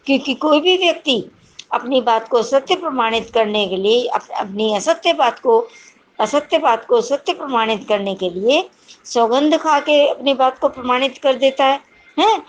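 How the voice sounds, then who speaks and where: A woman's voice: high voice, slight background noise, poor audio. A woman teacher explaining a poem in a lesson, reading each verse aloud and then paraphrasing it carefully. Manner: reads verse lines aloud, then paraphrases them deliberately.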